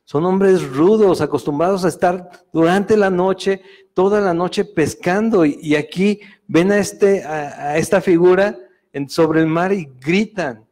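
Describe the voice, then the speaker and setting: A Mexican pastor leads a Sunday Bible study, speaking Spanish in a relaxed conversational way. He often pauses on fillers and corrects himself as he goes. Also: high voice. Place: church meeting room.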